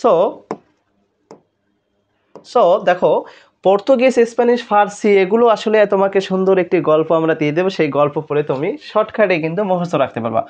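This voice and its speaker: A man's voice: high voice, fairly quick, pauses often. A man with a Bangladeshi Bengali accent working through admission exam questions as a tutor, explaining each answer and checking understanding with rhetorical questions. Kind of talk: exam solution lesson.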